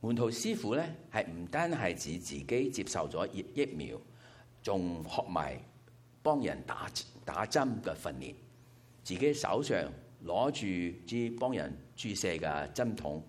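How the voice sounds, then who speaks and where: A man's voice: deep voice, very animated, unhurried. A man preaching a sermon to a church gathering, explaining his points step by step with worked-out numbers.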